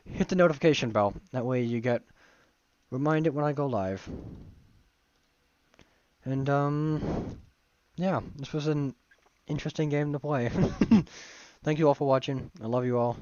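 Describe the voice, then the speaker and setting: A man's voice: medium pitch, measured pace, a little mellow, no echo. A male streamer with a strained, tired voice, chatting loosely and swearing freely while signing off. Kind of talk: casual game stream chat. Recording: dull dry stream audio.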